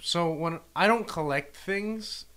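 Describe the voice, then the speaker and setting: A man chatting casually as a co-host, self-mocking and quick to laugh. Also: a little high. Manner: self-mocking, laughs often, animated when excited. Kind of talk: casual chat.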